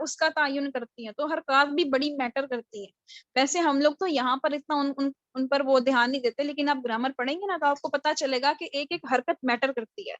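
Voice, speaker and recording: A woman's voice: high-pitched, a bit bright, no echo. A woman teaching a live online Tajweed class, patiently explaining and modelling Arabic letter sounds aloud, often checking with her students. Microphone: video call.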